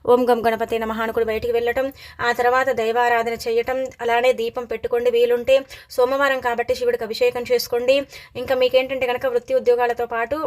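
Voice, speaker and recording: A woman astrologer giving a horoscope forecast in a steady, advice-giving way, with frequent verbal fillers. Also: fairly high pitch, fast.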